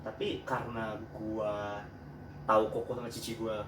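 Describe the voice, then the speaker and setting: A man's voice: on the low side, level tone, moderate pace. A man with a Jakarta Indonesian accent hosting a casual group chat. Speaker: host. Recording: echoey room, distant mic, clear noise.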